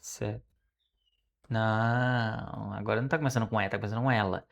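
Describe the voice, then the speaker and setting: A Brazilian Portuguese speaking man studying French aloud, repeating phrases slowly and correcting himself as he goes. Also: on the low side, fairly even intonation, gravelly. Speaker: language learner streaming his study. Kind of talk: casual study vlog, thinking aloud.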